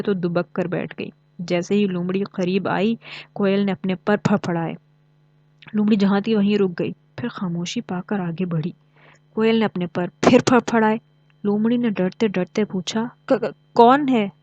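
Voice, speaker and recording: Woman telling a calm bedtime story. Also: medium pitch, no room sound, lo-fi sound. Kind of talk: children's bedtime story narration.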